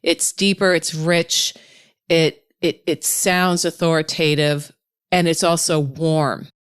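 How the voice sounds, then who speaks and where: A podcast host with a low, clean voice conducts an interview at a slow, steady pace. She is chatty and reflective, often affirming her guest with murmurs and laughs.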